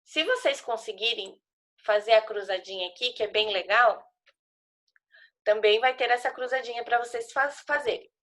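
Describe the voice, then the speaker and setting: Woman, Brazilian accent, primary teacher, slow and patient, highish bright voice. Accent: Brazilian Portuguese. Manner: slow, patient, spelling out syllables for young kids. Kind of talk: remote class explaining a worksheet to children.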